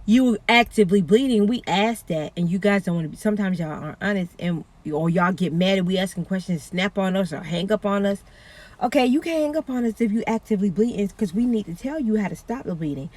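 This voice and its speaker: A woman's voice: mid-range voice, darkish tone. Chatty woman dispatcher. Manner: chatty, earnest, warns listeners with pleading repetition. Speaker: 911 dispatcher. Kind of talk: casual talk to camera.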